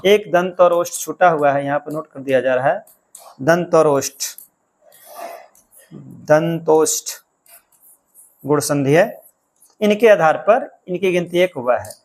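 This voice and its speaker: A man with a fairly high voice teaches an exam-prep grammar lesson. He explains step by step and says key counts and sounds aloud more than once. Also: normal speed.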